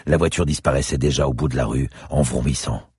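A man giving grave, steady first-person narration of a dark thriller audiobook. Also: extremely low pitch, brisk, slightly rough, dry recording, studio quality.

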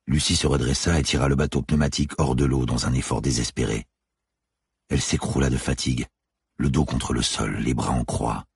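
Brief: very low, gravelly male reader with a husky edge, dry close mic, somber thriller narration. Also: no echo. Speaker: audiobook narrator.

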